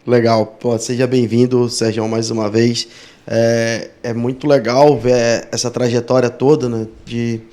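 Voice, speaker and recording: A man's voice: medium pitch, level tone, measured pace, dark tone. A man hosting a casual podcast interview, with a voice in the middle range. He talks in a friendly, chatty way and keeps tacking little questions onto the ends of his sentences. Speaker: podcast host.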